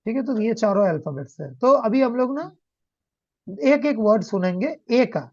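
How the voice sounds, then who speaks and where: A man's voice: sits high, very animated, moderate pace, dry recording. A man teaching a German demo class over a video call, switching between Hindi and English and often checking that the learner understands. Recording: dull lo-fi call audio.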